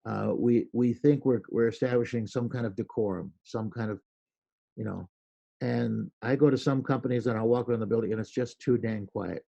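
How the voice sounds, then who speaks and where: A man telling animated stories in a casual interview, acting out quoted lines with a loud voice. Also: medium pitch, moderate pace, creaky, highs cut off. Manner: animated storyteller, acts out quoted lines loudly. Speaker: podcast guest, creativity speaker.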